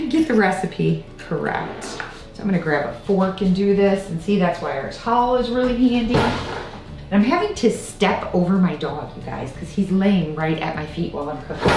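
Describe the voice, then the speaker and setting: A woman in her thirties from Iowa chatting through a home baking tutorial in her kitchen, rambling into asides as she works, filmed by a camera set across the room. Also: medium pitch. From Iowa, United States. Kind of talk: casual baking tutorial chat. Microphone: far camera on a tripod. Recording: roomy kitchen with faint music.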